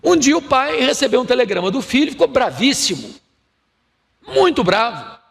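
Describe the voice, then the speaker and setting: A man's voice: extremely high pitch, very animated, normal speed, creaky, a bit bright, long reverb tail. A man preaching a sermon, telling folksy stories with voiced characters. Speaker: pastor.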